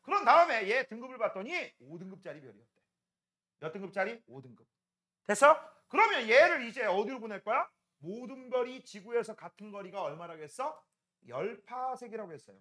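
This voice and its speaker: A man with a very high-pitched, sharp voice, big pitch swings, and a fairly quick pace teaches a science class lecture. He jokes with students and checks understanding with frequent questions, often asking "right?"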